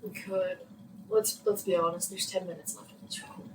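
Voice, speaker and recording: A woman's voice: lowish voice, flat delivery, fairly quick. Blunt, jokey young woman gaming. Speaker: let's play host. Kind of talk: casual gameplay chat. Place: home room while it rains. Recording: distant mic with faint noise.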